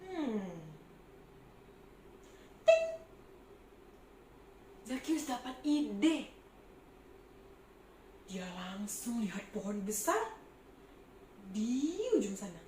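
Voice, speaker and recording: Animated high-voiced Sunday school teacher. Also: female voice, extremely slow, long pauses, echoey room, noisy background. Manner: animated, asks children questions. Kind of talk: children's Bible storytelling.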